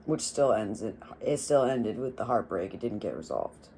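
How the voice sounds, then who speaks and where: A young adult woman giving a casual tarot reading, swearing freely, laughing often and rambling in an animated way. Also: rumbling low, normal speed, slightly rough. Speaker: tarot reader.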